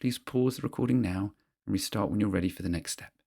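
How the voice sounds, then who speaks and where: Low, gravelly man guiding a mindfulness exercise. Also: dark tone. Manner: measured, instructional, pausing between phrases. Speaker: guide of a therapeutic grounding exercise. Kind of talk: guided mindfulness exercise, scripted narration.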